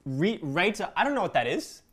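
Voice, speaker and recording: A man co-hosting a casual live food review show, quick and teasing, with blunt opinions. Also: high-pitched, big pitch swings, fairly bright tone. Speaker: co-host.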